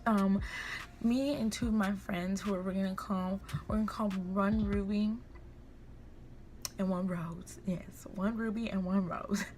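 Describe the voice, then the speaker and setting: A young adult woman with an American accent chats through a gossipy storytime. Her delivery is informal and conversational, slipping into quoted dialogue as she goes. She speaks at a medium pitch, with noticeable room noise behind her. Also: fairly even intonation, a little slow, darkish tone. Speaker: vlogger. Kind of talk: casual gossipy storytime chat. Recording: clear background room noise.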